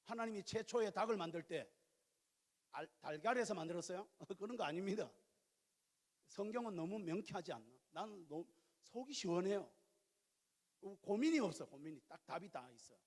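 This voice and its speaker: A man preaching a sermon as pastor in a church, swinging from loud exhortation to quiet, confiding asides. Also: sits high, lively intonation, a little fast. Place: large church sanctuary. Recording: long church hall reverb.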